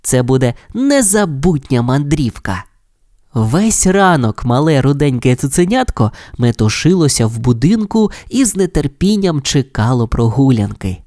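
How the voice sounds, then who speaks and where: A children's audio-tale narrator tells the story in an expressive, lilting way. The voice sits in a middle pitch and swings widely up and down. The sound is dry and close. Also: normal speed, no room sound.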